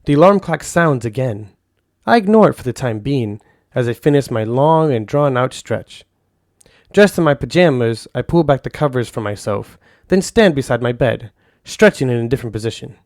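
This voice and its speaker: A man narrating a first-person audio story in a calm, soft-spoken way. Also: medium pitch, normal speed, dry recording, clean studio sound.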